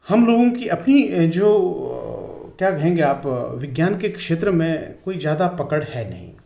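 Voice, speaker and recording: This fairly high male voice carries vocal fry and a darkish tone. He's a Hindi speaker teaching physics in a classroom lecture, in a room with noticeable echo, going slowly and putting stress on every English pronunciation.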